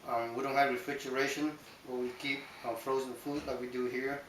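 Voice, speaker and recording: A middle-aged man from Vietnam, describing his childhood in an oral history interview in a steady, matter-of-fact way with frequent ums. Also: mid-range voice, brisk. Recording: roomy, distant mic with hiss.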